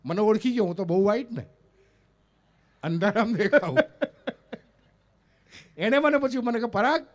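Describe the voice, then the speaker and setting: A man's voice: high-pitched, moderate pace, pauses often. A man in his fifties from North Gujarat, with a North Gujarati accent, telling comic stories on stage and acting out the people in them. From North Gujarat, India. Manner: animated, acts out the dialogue of people in his stories. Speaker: stand-up comedian and mimicry artist. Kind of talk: live comic storytelling on stage. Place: event stage before an audience.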